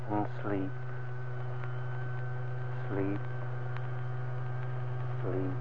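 A man's voice: mid-range voice, close to an everyday voice. Man playing an eccentric scientist on crackly old radio. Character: eccentric, kindly male scientist, absorbed in his inventions. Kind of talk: 1930s-style radio serial acting. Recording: noisy, tinny vintage radio recording.

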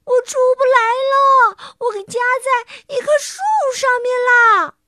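A woman's voice: expressive, measured pace, no room sound, clean studio sound, exaggerated voice. A woman voicing a playful young male elephant who wails and calls out for help in a storybook reading. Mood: wailing. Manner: wailing, calling out high and loud.

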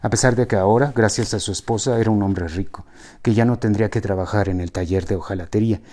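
A man reading a novel aloud as narrator, in an expressive, wry storytelling manner. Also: lowish voice, fast.

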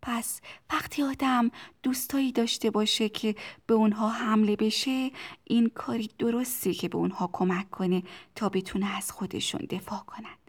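A woman voicing a gentle, troubled young boy, thinking softly to himself in an audiobook. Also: on the high side. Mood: hushed musing. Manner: soft, hushed inner musing.

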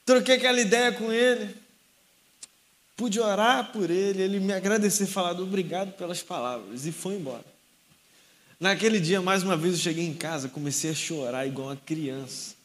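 Young youth pastor guy, rio accent, high voice, storytelling sermon doing all the voices. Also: moderate pace. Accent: Rio de Janeiro Portuguese. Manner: lively storytelling, acting out dialogue.

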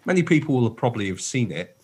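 A man's voice: mid-range voice, very animated, quick pace, a little mellow, husky. A man co-hosting a radio show, chatting casually and enthusiastically. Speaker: radio co-host.

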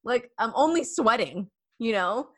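A woman's voice: on the high side, animated, a little slow, fairly bright tone, dry recording, studio quality. A young woman hosting a casual chat, telling a story animatedly with many fillers and acted-out quotes.

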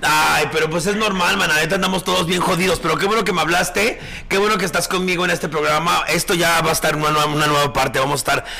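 A man's voice: fairly high pitch, fairly even intonation, fast talker, vocal fry, few pauses, pushed and bright. A man hosting a live call-in show as a drag performer, campy, affectionate and swearing freely.

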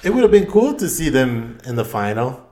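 Male co-host, mid-pitched, relaxed ribbing, trails off quietly. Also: fairly quick. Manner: laid-back, ribbing, trailing off softly. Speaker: podcast co-host, football fan. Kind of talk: casual football banter.

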